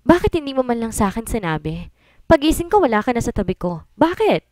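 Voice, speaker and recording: A woman's voice: on the high side, big pitch swings, fast, a little mellow, dry recording, pitched above the performer's own voice. A woman playing a tearful young wife, plaintive and reproachful, audiobook reading, dry sound.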